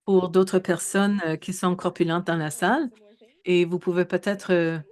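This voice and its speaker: A woman in her thirties giving a research presentation in a webinar, speaking in a measured way with frequent hesitations and self-corrections. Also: on the low side, fairly even intonation, darkish tone. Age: 30s.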